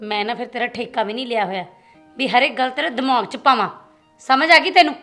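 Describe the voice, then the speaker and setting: An actress playing a proud, sharp-tongued wife bickering with her husband in a short film. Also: a little high, fast talker, soft background music, natural voice. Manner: taunting, bickering.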